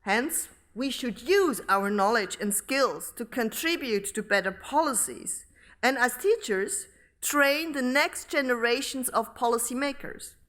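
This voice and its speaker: A middle-aged woman from Switzerland, giving a formal academic lecture at a podium microphone in a large hall, reading in a measured, deliberate way. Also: a little high, lively intonation, fairly bright tone. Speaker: professor giving inaugural lecture.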